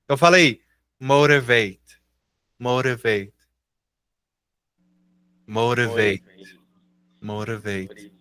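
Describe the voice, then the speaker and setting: A Brazilian man teaching English in a live online class. He speaks with a Brazilian Portuguese accent, is patient and encouraging, and draws out example words slowly. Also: mid-range voice, sharp tone, clean tone, no room sound, clean studio sound.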